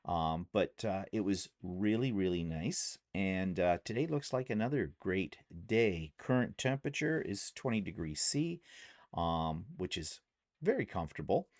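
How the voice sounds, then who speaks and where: A retired man in his sixties talks on his vlog in an easygoing, rambling way, full of ums and uhs, with a Canadian accent. His voice sits low but moves up and down a lot. The sound is dry and close, with no room echo. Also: expressive, a little slow, darkish tone. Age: 60s. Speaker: vlogger. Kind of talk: casual vlog talk.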